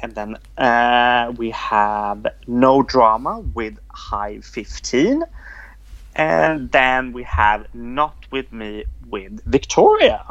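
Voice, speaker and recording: A man co-hosting a podcast, talking in a measured way with short agreeing replies. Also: medium pitch, expressive, fairly bright tone, no echo, muffled recording. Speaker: podcast co-host. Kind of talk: casual podcast chat.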